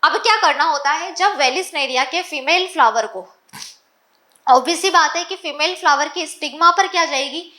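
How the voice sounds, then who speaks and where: A woman's voice: high voice, moderate pace, pushed and bright. A young woman giving an exam-focused biology lecture, asking herself questions and repeating key points. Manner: keeps asking rhetorical questions and answers them herself. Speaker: biology teacher.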